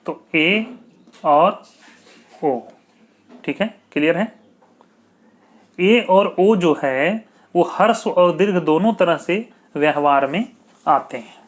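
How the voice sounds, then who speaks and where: A man teaching an exam-prep grammar lesson, repeating key points and asking checking questions. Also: a little high. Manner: slow, repetitive, asks checking questions.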